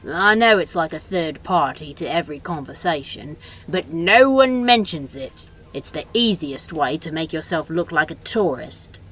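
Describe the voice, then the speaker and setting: A woman's voice: low-pitched, expressive, moderate pace, hardly any pauses, fairly bright tone, husky, soft background music, heavily acted. A woman voicing a sardonic, bossy male demon in a fan audio drama, talking in a dry, exasperated, scolding way.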